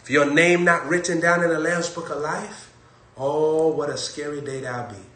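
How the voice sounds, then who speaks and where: A man's voice: fairly high pitch, steady tone, normal speed. Emphatic preacher man, echoey room. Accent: Texan. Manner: emphatic, repeating warnings, swinging from loud to hushed. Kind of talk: sermon.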